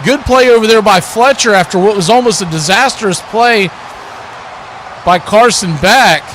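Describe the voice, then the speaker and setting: A man with a high-pitched, slightly bright voice gives live American football play-by-play at normal speed, his clipped running description lifting on the action as he hosts a watch party. There's a little hiss or hum.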